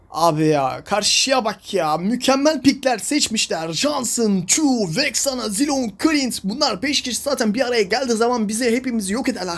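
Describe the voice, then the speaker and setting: A man's voice: high voice, fairly bright tone. Exasperated young man ranting over gameplay. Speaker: mobile game streamer. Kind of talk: casual gameplay commentary.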